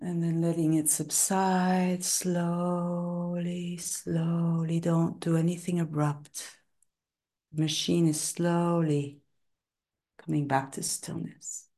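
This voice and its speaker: A woman leads a relaxation and breathing session in a low, mellow voice. She speaks very slowly and soothingly, in short phrases with long pauses, and sometimes drops to a soft whisper. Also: level tone. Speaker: meditation guide.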